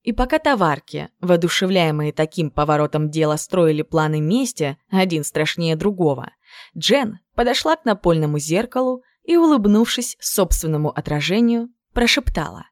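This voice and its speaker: A woman with a lowish voice narrates a novel, reading evenly and expressively. The recording is close and dry. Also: animated, moderate pace, no echo. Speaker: audiobook narrator. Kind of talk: scripted narration.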